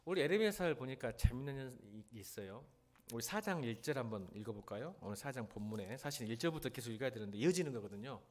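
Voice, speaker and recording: A middle-aged man preaching with a Jeolla Korean accent. His voice leaps up and down in pitch as he moves from near-whispered pleading to loud, emphatic questions thrown at the congregation. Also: animated, quick pace. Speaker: pastor. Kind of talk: sermon.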